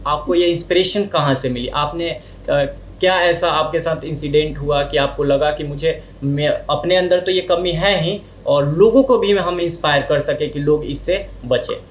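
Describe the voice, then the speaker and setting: A man hosting an interview who often affirms his guest with short acknowledgements. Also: fairly high pitch. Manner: affirming, frequent "बिल्कुल" and "okay" acknowledgements. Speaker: host and interviewer. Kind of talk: conversational interview. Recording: echoey room with faint noise.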